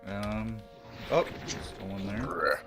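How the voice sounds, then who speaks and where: Man, stream host, casual gaming chat, lively pitch, faint game music. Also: extremely slow. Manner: chatty, points out game details.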